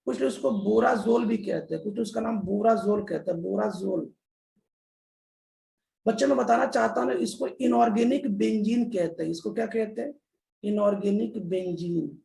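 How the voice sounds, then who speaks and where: A man's voice: high voice, moderate pace, vocal fry, dark tone. A man teaching a chemistry lesson in a classroom style, repeating key terms and often addressing the children. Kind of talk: classroom lecture. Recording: echoey room.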